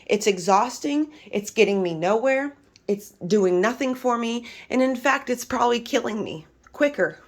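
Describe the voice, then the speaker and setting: A woman's voice: on the high side, animated, moderate pace. A middle-aged woman venting to her viewers in a casual monologue, emphatic and exasperated, swearing freely. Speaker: vlogger.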